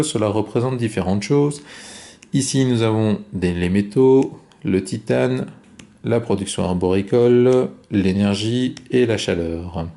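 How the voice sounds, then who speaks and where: A man calmly talking through his own board game turn, explaining each card and move step by step. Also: fairly low pitch, creaky. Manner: calm, methodical, explains each move aloud. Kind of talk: solo board game playthrough commentary.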